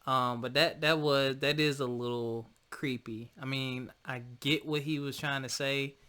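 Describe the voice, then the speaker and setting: A man's voice: mid-range voice, fairly even intonation, measured pace, sharp tone, clear, resonant tone. A man hosting a podcast in casual chat, laid-back and slangy with a teasing streak. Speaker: podcast host.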